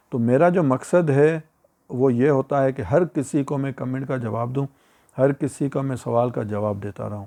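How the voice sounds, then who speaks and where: A man's voice: medium pitch, creaky, warm tone. A man with a Pakistani Urdu accent, a YouTuber giving casual, repetitive advice and talking to viewers as friends. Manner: chatty and advising, repeats points, speaks to viewers as friends.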